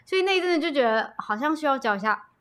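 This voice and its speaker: A woman talks as a guest and recounts events in an easy, chatty way. Her voice sits a little high. She pauses on fillers and drops English words into her speech. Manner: animated retelling with hesitant fillers and mixed-in English words. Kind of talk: casual storytelling chat.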